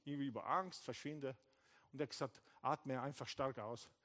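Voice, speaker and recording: A man preaching a sermon as pastor, animated, acting out short dialogues and dropping English phrases into his German. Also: mid-range voice, moderate pace. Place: church hall.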